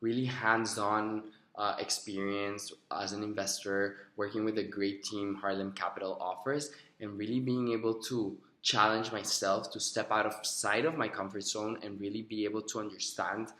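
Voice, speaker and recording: A young man speaks in a somewhat low voice, delivering prepared answers for a video job interview. His talk is earnest and a little rehearsed, with the odd "um". The sound is roomy and echoey. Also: little pitch movement, moderate pace, hardly any pauses, fairly bright tone. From Costa Rica. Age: young adult. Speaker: job applicant. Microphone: recorded himself on video.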